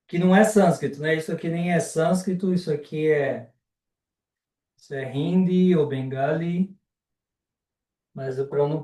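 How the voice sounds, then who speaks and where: A man with a Brazilian Portuguese accent teaching a live online class, unhurried and often ending sentences with a checking question. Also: fairly high pitch, mellow, recorded from a distance. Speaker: Sanskrit teacher. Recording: roomy and off-mic.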